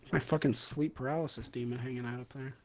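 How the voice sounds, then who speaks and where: A young man streaming a VR ghost game with friends, excitable and swearing, laughing often. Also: mid-range voice, quick pace, a little hiss or hum. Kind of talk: casual gaming chat with friends.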